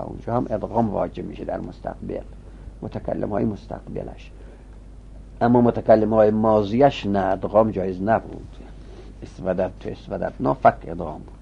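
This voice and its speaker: A man teaching a grammar lesson, chanting verb conjugations in a rising sing-song and dropping to a low mutter when he explains. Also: vocal fry, dark tone, slightly rough. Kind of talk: recorded Arabic grammar lesson. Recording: muffled low-fidelity recording.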